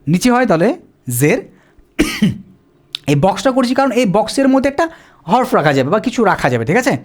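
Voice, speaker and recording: Patient whiteboard teacher, animated up-and-down delivery, self-answering questions. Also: medium pitch, fairly quick. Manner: asks questions and answers them, repeats "ঠিক আছে?". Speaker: Quran reading teacher. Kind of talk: whiteboard lesson, explaining step by step.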